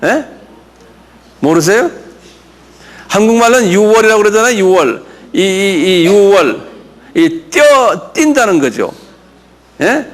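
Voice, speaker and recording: Older man teaching slowly, lively high pitch. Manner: drills English terms, asks the class to repeat; explains slowly, with many fillers and questions to the class. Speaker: pastor teaching a Bible class. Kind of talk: classroom Bible lesson.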